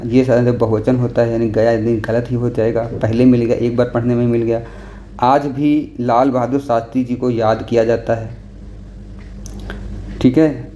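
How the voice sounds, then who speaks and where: This mellow, medium-pitched male voice belongs to an exam tutor who steps through each answer and keeps checking on the class. He's patient, repeating things and tossing in frequent "okay?" checks. The sound is dull and lo-fi, with a little noise.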